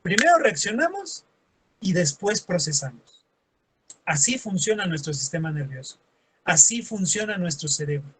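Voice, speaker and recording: A man's voice: high voice, big pitch swings, normal speed, fairly bright tone, slight background noise. A man teaching a lesson, acting out everyday scenes in quoted voices and adding sarcastic asides. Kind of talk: classroom lecture.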